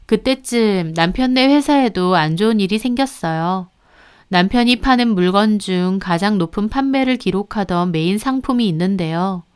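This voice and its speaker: A woman's voice: medium pitch, smooth. A woman telling a personal story in first person, in a confiding way. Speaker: story narrator. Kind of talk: storytelling narration.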